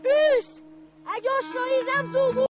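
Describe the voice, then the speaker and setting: A woman's voice: very high voice, fairly bright tone, no echo, faint music behind. Woman playing a stern young boy sentry. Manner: stern, officious, scolding. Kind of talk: radio play acting.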